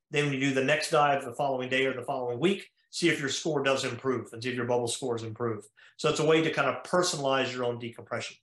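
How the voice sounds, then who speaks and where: A man's voice: medium pitch, fairly bright tone. An American man lecturing to divers over a video call in a mid-range voice, methodical and explanatory with plenty of fillers. The sound is roomy, with noticeable echo around him. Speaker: cardiologist lecturing at a diving conference. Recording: echoey room.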